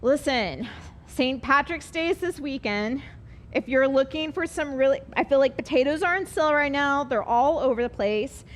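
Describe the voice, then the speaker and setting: A woman's voice: high voice, lively intonation, normal speed, a little hiss or hum. A woman teaching a live online cooking class, chatty and upbeat, explaining each step as she works.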